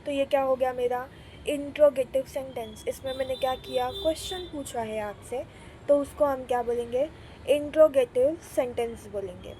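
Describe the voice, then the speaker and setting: A woman teaching an English grammar lesson who keeps turning her points into rhetorical questions for the class and reads example sentences slowly. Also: high voice, warm tone, a little hiss or hum.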